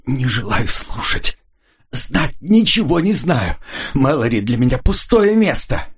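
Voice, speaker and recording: A man's voice: big pitch swings, moderate pace, husky. A man doing a panicky frightened woman. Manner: shrill, panicky, breathless. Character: frightened nervous young woman. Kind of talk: audiobook character reading.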